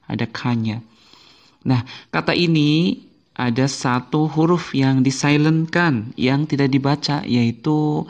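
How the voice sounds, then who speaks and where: Slow, patient man teaching pronunciation. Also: medium pitch, a little mellow, highs cut off. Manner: patient, repeats each word slowly for learners. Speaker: English teacher. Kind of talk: slow explanatory video lesson.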